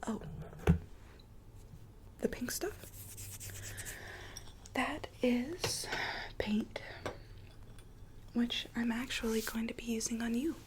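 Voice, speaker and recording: A woman playing a weary, gently coaxing Alice from Wonderland in a soft, breathy ASMR roleplay whisper. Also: a little high, noisy background. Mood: soothing, coaxing. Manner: slow, hushed, repeats words soothingly.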